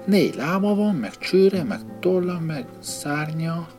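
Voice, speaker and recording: A man voicing a silly, stubborn little bunny-eared critter in a storybook reading, talking squeaky and excited. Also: over music, close to an everyday voice.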